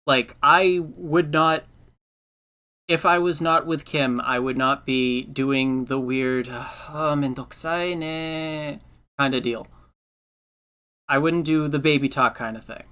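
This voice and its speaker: A man's voice: medium pitch, steady tone, a little slow, pushed and bright. A man hosting a podcast, chatting casually in a rambling way, repeating words and laughing often. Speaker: podcast host. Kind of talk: casual chat.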